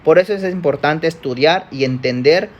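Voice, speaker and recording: A man's voice: a little high, normal speed, highs cut off. Mexican man teaching a Bible lesson. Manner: conversational, checks in with listeners, self-correcting. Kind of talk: church Bible lesson with slides.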